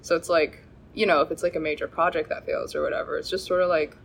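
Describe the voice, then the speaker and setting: A woman's voice: sits low, level tone, fast talker, gravelly, slightly rough. A young woman guest on a podcast, rambling and self-deprecating in casual chat.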